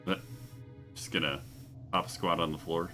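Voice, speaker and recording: Low, slow-talking male gamer. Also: steady tone, pushed and bright, faint music behind. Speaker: gamer doing a playthrough. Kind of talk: casual game commentary.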